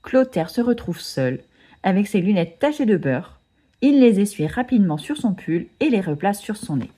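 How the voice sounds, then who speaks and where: A woman reading a children's storybook aloud in an expressive way. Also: mid-range voice, moderate pace.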